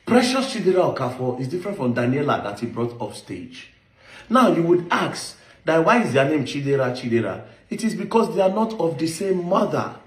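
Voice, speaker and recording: A man's voice: a little high, very animated, fairly quick. A man with a Nigerian accent giving an impassioned, accusatory monologue, stressing points with rhetorical questions. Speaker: online commentator. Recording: echoey room.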